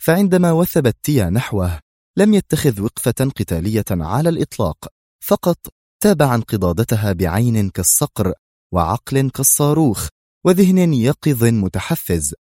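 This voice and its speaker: A man narrating an action novel as a dramatic audiobook, moving his pitch a lot through the story. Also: very animated, normal speed, dark tone, no room sound, clean studio sound.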